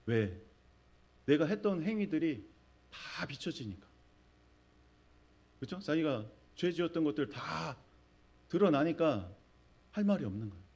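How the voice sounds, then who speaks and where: A man's voice: mid-range voice, a little mellow, husky. A middle-aged male pastor preaching a sermon, telling a vivid story and acting out the crowd's cries.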